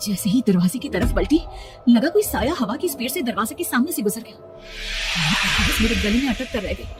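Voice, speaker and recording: Woman, horror story narrator, first person, tense and dramatic, high voice, music underneath. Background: background music.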